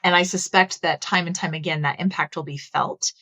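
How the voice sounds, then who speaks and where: A Texan woman in her thirties, appearing as a podcast guest, explains her perspective thoughtfully in a conversational interview, using some filler words. She talks fairly quickly in a lowish voice, steady in tone yet sharp. The audio has no echo.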